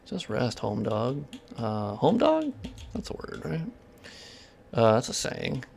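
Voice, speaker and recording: Gravelly-voiced man streaming a game. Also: medium pitch, huge pitch swings, takes it slowly, a little mellow, a little hiss or hum. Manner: casual and profane, chatting with viewers while playing; technical explaining between bursts of reaction. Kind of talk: casual live-stream gameplay commentary.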